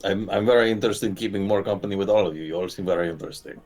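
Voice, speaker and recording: A man playing in a tabletop game, answering in character with a dry, wry ease. His voice sits a little low, with music faintly behind. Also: very fast, a little mellow. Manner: dry, wry, laid-back. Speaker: player.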